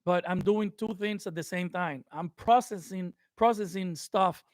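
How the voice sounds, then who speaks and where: Talking to camera, a man who is a YouTube creator and a native Spanish speaker offers viewers casual advice, hesitating with lots of fillers and restarts. He has a high voice and speaks a little slowly, with no room sound.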